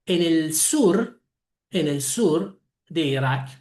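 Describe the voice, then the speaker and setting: A man with an Arabic accent, a native Arabic speaker, giving a lecture over a video call, slow and halting, correcting himself often. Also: on the high side, animated, a little mellow, roomy sound. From Lebanon. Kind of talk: online talk, explaining.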